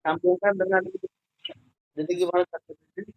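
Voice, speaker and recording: A man's voice: sits high, little pitch movement, moderate pace, muffled recording. A man teaching an online Arabic grammar class, patiently explaining step by step and calling on students by name. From Indonesia.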